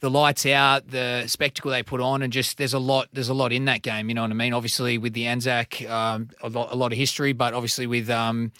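Relaxed Australian footballer on radio. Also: male voice, medium pitch, a little fast, few pauses, no room sound, studio quality. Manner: relaxed, repeats and restarts words. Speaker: footballer guest. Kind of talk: casual radio interview.

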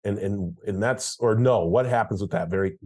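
A man's voice: fairly low pitch, normal speed, warm tone, slightly rough. A middle-aged man hosting a podcast, chatting casually about health, giggling and restarting his sentences. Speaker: podcast host.

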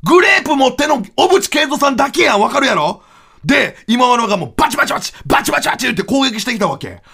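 A man with a Kansai accent telling an absurd comic story in a loud, animated, mock-dramatic way. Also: very high-pitched, very fast, vocal fry, breathy edge, soft background music. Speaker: comedian storyteller.

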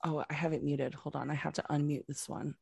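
A woman co-hosting a casual podcast chat, telling the story behind each clip in an animated way and laughing often. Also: low voice, fairly quick, creaky, husky, no room sound. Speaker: co-host showing videos.

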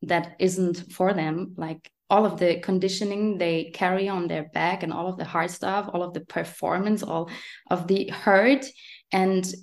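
German-accented young woman, gravelly low voice. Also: fairly even intonation. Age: late 20s. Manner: soft-spoken, pauses and restarts while searching for English words. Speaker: guest coach. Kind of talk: casual podcast interview.

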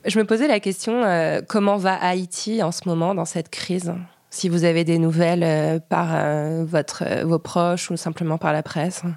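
A woman hosting a podcast interview, asking measured, gently probing questions. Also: lowish voice, fairly even intonation, dry recording. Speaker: podcast host.

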